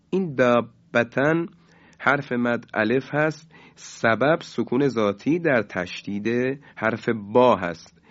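A man of medium pitch explains Quran recitation rules on a radio lesson, speaking measuredly, stretching out important terms and chanting the example words more loudly. The sound is lo-fi.

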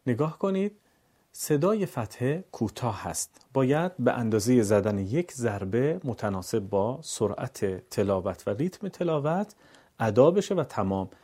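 Male recitation teacher, warm mellow tone, measured delivery with careful syllable drills. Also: mid-range voice, animated. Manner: clear, measured teaching with slow syllable-by-syllable demonstrations. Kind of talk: instructional lesson with letter drills.

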